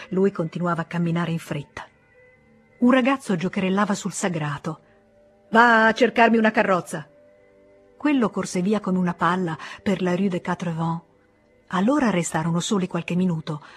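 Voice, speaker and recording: Woman, audiobook narrator, husky, measured, expressive, faint music underneath. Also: lowish voice. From Italy. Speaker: audiobook reader. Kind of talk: literary narration.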